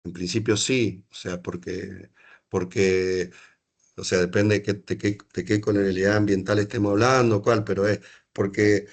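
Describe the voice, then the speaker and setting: Hesitant Argentine man, lowish voice. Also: fairly even intonation, moderate pace. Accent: Argentine Spanish. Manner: hesitant, full of restarts and rhetorical asides. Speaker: university geography lecturer. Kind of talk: academic panel discussion.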